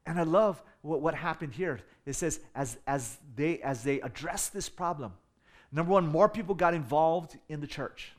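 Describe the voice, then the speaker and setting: Middle-aged pastor, slightly high voice, animated story-driven sermon. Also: male voice, moderate pace. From United States. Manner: animated storytelling with humor, rising in volume for emphasis.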